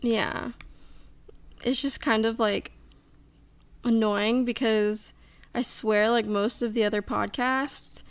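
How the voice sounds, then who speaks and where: A woman's voice: fairly high pitch, steady tone, slow pace, long pauses. A woman co-hosting a casual podcast from her couch at home, chatting and venting. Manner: chatty, exasperated venting with laughter. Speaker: podcast co-host. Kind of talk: casual chat. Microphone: home podcast mic.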